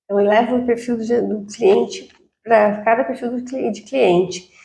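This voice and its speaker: A woman's voice: fairly high pitch, fairly even intonation, normal speed, creaky, mellow. A woman hosting an interview, asking questions and chiming in with short agreeing remarks. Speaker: interview host. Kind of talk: casual interview. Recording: echoey room.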